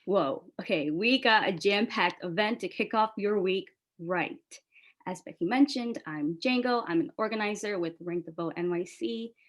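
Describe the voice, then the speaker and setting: Hosting an upbeat press call, this organizer from New York City, a Bangla speaker, sounds warm, relaxed and eager. She talks at medium pitch and an unhurried, moderate speed.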